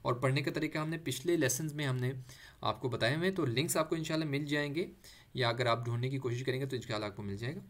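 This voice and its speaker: This is a tajweed lesson in which a man goes through the Arabic alphabet for Quran reading one letter at a time, at a relaxed pace. His voice is mid-pitched, he repeats every letter with patience, stretches out the recitations, and mixes in English words.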